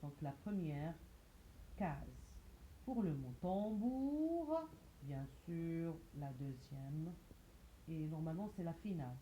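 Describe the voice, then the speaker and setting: A woman leads a slow phonics reading lesson for young children, repeating each word and syllable aloud. Her voice is deep-toned and mellow, yet her pitch moves a lot. A faint noise sits behind the recording. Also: lively intonation, low-quality recording. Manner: patient, repeats words and syllables aloud, asks questions and answers them herself. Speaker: reading teacher.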